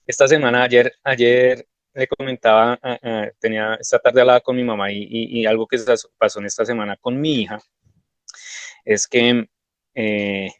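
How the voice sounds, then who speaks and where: A man's voice: medium pitch, flat delivery, moderate pace, dry recording, muffled recording. A man giving a devotional sermon, telling personal stories in a conversational way. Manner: conversational, anecdotal storytelling.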